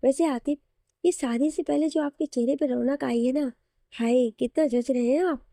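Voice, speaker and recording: A man's voice: extremely high pitch, fairly even intonation, moderate pace, gravelly, mellow, no echo, studio quality. A woman voicing a mischievous young husband who teases his wife and friend. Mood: teasing. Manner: mischievous, teasing. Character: playful teasing young husband.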